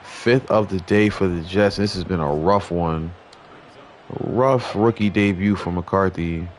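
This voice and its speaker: A young man giving relaxed, conversational play-by-play commentary over a football video game. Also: deep voice, measured pace, slight background noise. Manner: relaxed, conversational, mild restarts. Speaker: gaming commentator.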